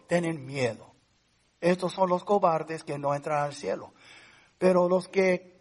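Husky, lively-voiced male preacher. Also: high-pitched. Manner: emphatic preaching with questions to the congregation and English fillers. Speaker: pastor. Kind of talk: sermon.

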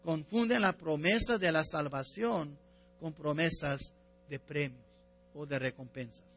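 High-voiced man preaching a sermon. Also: measured pace, fairly bright tone, faint music behind. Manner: stumbles and corrects himself, repeats phrases; rises in pitch and force when reading scripture. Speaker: pastor.

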